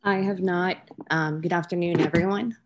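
A woman from Colombia introducing herself in measured, articulate terms on a video call. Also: lowish voice, steady tone, slight background noise. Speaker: networking participant. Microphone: laptop microphone on a video call.

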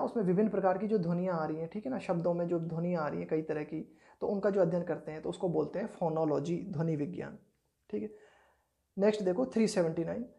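A woman's voice: lowish voice, warm tone. A woman teaching an exam-prep lesson, explaining each point patiently and often checking in with the listener. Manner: patient, repeats points with tag questions; reads English definitions slowly and deliberately.

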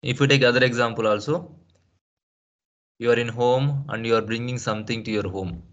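Guy teaching a software class on screen share, lots of uh and restarts, asks questions as he goes. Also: medium pitch, fairly quick, dull audio. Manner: explanatory, many fillers and restarts, asks rhetorical questions. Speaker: SAP trainer. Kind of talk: screen-share tutorial lecture.

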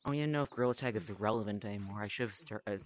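A man's voice: on the low side, rapid-fire, a little hiss or hum. A man giving casual, rambling commentary while playing a VR game, self-conscious and talking to himself through a headset mic. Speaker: gameplay vlogger.

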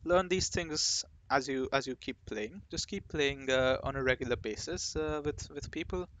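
Talking casually to camera, a man running a gaming channel wanders from thought to thought, restarting sentences and leaning on fillers. His mid-range voice moves at a normal speed, sounds a little bright, and carries no room sound.

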